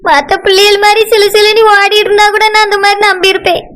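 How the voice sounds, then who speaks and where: Woman voicing a distraught mother, wailing in a very high, flat Kanyakumari Tamil voice, cartoon. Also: quick pace. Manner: wailing, pleading, sobbing. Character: tearful village mother of a missing bride. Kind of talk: cartoon voice acting.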